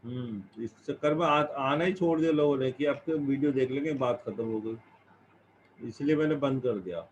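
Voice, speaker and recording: A man's voice: mid-range voice, moderate pace. A male teacher giving a classroom lesson, explaining each step and asking and answering his own questions. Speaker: computer science teacher. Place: classroom with students. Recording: dull lo-fi recording with faint background noise.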